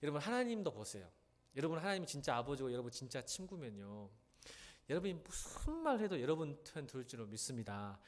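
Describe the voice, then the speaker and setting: A middle-aged male pastor preaching in a church, talking conversationally and mimicking people with playful, rough slang. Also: mid-range voice, very animated, fast. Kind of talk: sermon. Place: church sanctuary.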